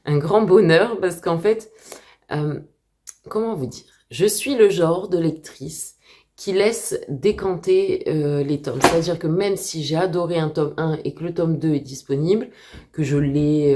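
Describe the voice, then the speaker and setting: Speaking casually to the camera from home, a book vlogger talks in a low, mellow voice. Her delivery is hesitant and packed with filler pauses.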